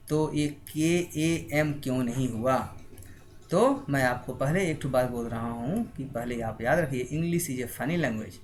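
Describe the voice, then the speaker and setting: A man's voice: medium pitch, a little mellow, slight background noise. Hindi-speaking man spelling words aloud. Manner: asks frequent checking questions. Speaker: teacher. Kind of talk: spoken spelling lesson.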